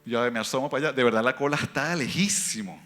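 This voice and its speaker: A man with a foreign accent giving a lively church testimony in story form, moving between quick and drawn-out phrases. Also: medium pitch, soft background music. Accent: foreign accent in Spanish.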